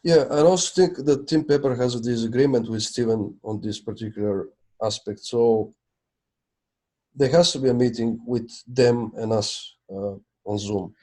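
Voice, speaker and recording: A man's voice: mid-range voice, normal speed, darkish tone. A man talking casually on a video call during a technical meeting, thinking aloud as he checks documents. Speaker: project maintainer in a video meeting.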